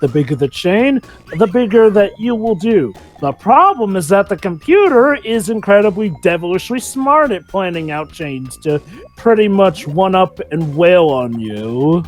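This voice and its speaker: A man co-commentates on a video game, addressing the viewers directly. His voice is high and very animated, with music playing behind it. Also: measured pace.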